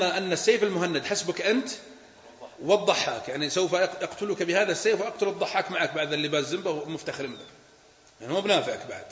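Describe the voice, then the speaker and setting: A man teaching a religious creed lesson, emphatic and fast with quick asides. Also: high voice, fairly bright tone. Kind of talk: religious lesson with student questions. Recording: echoey hall, muffled, light hiss.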